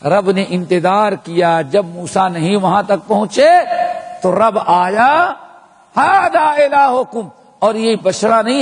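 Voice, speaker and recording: A man's voice: high-pitched, breathy edge. A man giving a sermon of Quran commentary, telling a story and putting rhetorical questions to the listeners. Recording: long echo of a large hall.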